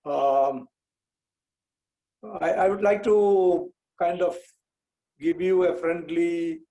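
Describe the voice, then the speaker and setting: A man in his sixties with a Malayalam Indian English accent from Kerala, explaining in a measured, deliberate way as a lecturer on a video call. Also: on the high side, fairly even intonation, mellow, low-quality recording. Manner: measured, deliberate, with repeated phrases for clarity. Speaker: guest speaker giving a lecture. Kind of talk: explanatory online talk. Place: indoor room with bookcase, on a video call.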